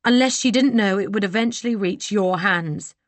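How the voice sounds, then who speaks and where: A woman's voice: medium pitch, moderate pace, no echo, pitched above the performer's own voice, natural voice. A woman voicing a proud, defiant young lady with a tense, pleading edge for an audiobook. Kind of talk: audiobook character voice.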